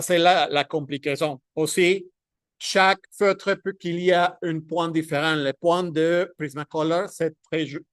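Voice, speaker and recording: Slow, halting man teaching marker drawing. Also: fairly high pitch, no echo, studio quality. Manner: halting, thinks aloud while demonstrating; checks in with "ok?" often. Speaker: drawing instructor. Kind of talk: hands-on drawing tutorial.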